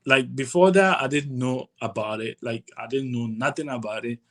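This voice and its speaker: Young adult male, Togolese accent, medium pitch, informal interview guest with halting, repetitive delivery. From Togo, West Africa. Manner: halting, repeats phrases, acts out dialogue. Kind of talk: casual personal storytelling.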